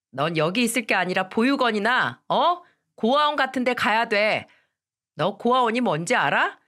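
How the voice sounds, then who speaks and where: A woman's voice: medium pitch, sharp tone. A woman voicing a spiteful young boy who taunts and bosses his cousin around. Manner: taunting, bossy and sulky.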